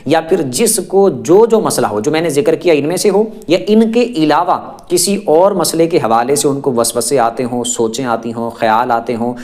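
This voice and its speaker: A man's voice: a little high, animated, few pauses, a little mellow. Guy explaining religious rules to viewers, repeats himself a lot, lists examples, reassuring tone. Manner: repetitive, lists many examples. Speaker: religious teacher. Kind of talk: explanatory religious talk to camera.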